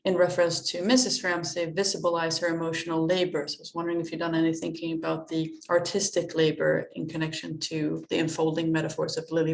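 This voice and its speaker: A woman asking a panelist a question in an academic discussion over a video call. She sounds polite and apologetic and searches for her phrasing. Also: low-pitched. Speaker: audience questioner.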